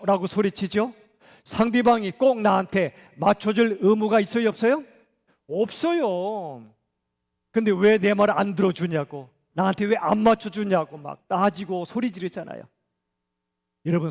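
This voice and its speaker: Male pastor, middle-aged, high voice, conversational sermon, church hall echo. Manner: conversational, asks the congregation questions. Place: church sanctuary.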